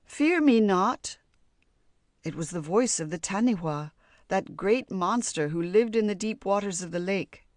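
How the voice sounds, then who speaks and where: A woman narrating a children's fairy tale audiobook in a calm, measured storybook voice. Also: lowish voice, dry recording, studio quality.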